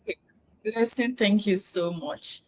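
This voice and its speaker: A woman's voice: medium pitch, unhurried, slight background noise, poor audio. A woman moderating a live online session, reading audience questions aloud with some hesitation. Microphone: video call.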